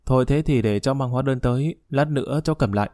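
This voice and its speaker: An eager, deferential young man, read by a man. His voice is mellow and dark, and it is recorded close and dry. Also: medium pitch, fast, dry recording, close to an everyday voice. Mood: polite. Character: polite, quick-witted young man.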